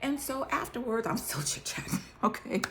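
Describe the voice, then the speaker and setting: A woman's voice: a little high, animated, normal speed, heavy background noise. A woman sharing her personal testimony in a casual, chatty, emphatic way, often checking in with her listeners.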